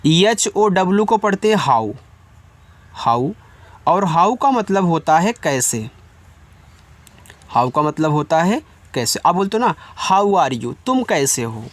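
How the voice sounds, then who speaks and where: A man teaching beginners, patiently spelling out words letter by letter and repeating each meaning for his students, reading example sentences slowly. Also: fairly high pitch, sing-song, dry recording. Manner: addresses viewers as students; reads English examples slowly and carefully. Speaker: English teacher.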